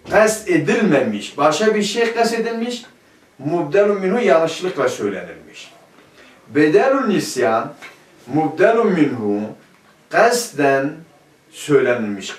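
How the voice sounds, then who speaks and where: Guy teaching a class, keeps asking questions and answering himself, roomy echo. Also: fairly high pitch. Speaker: teacher of Arabic grammar. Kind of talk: classroom lecture. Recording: echoey room, mic at a distance.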